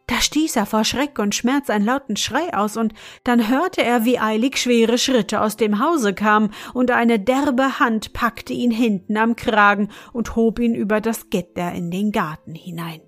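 A woman reading a fairy tale aloud in a measured, softly dramatic way. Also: a little high, faint music behind. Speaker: storyteller.

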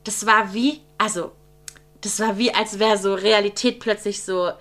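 Bright-voiced young woman telling a story. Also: mid-range voice, measured pace. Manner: lively retelling full of quoted dialogue and fillers. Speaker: podcast guest. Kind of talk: casual storytelling.

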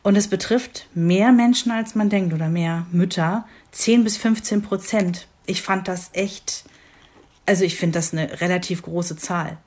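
A young woman co-hosting a podcast in a relaxed, chatty way. She laughs easily and pokes fun at herself as she talks. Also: lowish voice, a little slow. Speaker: podcast co-host. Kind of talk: casual podcast chat.

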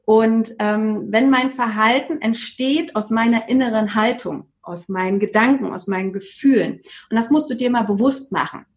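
A woman's voice: on the high side, normal speed, hardly any pauses. A woman, a yoga teacher, speaking as a podcast guest in an earnest, reflective way with many hesitant fillers. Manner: earnest and reflective, with frequent "ähm" fillers and repetitions. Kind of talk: casual conversational interview.

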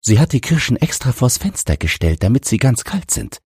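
A man's voice: mid-range voice, sing-song, warm tone, breathy edge, no room sound, clean studio sound, voice pushed up, heavily acted. A man voicing a feverish, dazed sick boy. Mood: fretful. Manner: halting, dreamy repetition.

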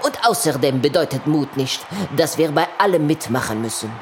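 An actor playing a friendly, wise male butterfly, giving calm, gentle advice in a children's audio drama. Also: medium pitch, moderate pace, a little hiss or hum, close to an everyday voice.

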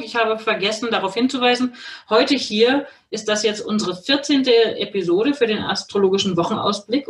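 A woman chats casually as a podcast co-host, her voice at a middling pitch. She sounds a little away from the microphone, in a room with plenty of echo. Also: a bit bright. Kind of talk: casual chat. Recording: echoey, distant microphone.

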